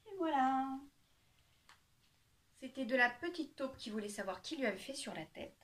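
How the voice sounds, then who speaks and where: Expressive woman reading a storybook. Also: high-pitched, moderate pace. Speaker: children's book reader. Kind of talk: storybook read-aloud.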